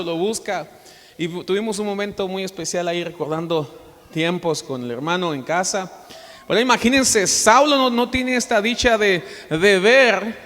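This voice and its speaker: A man preaching a sermon as pastor, telling stories and swinging between loud emphatic lines and soft, quiet asides. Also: sits high. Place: church sanctuary. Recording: long church reverb.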